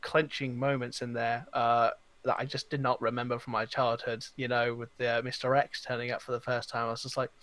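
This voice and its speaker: Brisk and level in tone, with a medium-pitched, slightly bright voice, a video game podcast host rambles through casual, animated chat. He acts out the reactions whenever he quotes someone in a story.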